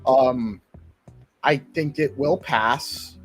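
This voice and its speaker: A man's voice: mid-range voice, extremely slow, slightly rough, soft background music, poor audio. A man hosting a casual live community talk, emphatic and given to repeating his points. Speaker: talk show host.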